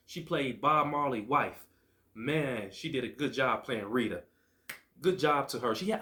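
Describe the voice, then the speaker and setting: A man hosting his own show, giving a casual, chatty film review in a relaxed way. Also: medium pitch. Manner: relaxed, chatty, upbeat greeting. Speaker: movie reviewer, host.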